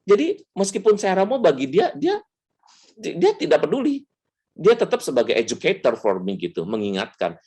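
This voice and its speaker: A man's voice: on the high side, huge pitch swings, moderate pace, a little mellow, breathy edge. A middle-aged man, a priest, giving a conversational faith talk and telling stories animatedly, acting out the quotes.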